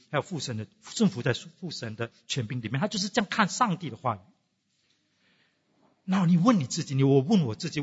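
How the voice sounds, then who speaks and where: A man's voice: sits high, fairly bright tone, slightly rough, big-room sound, dull audio. A man preaching a sermon, asking his congregation rhetorical questions and dropping English phrases into his talk. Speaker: pastor.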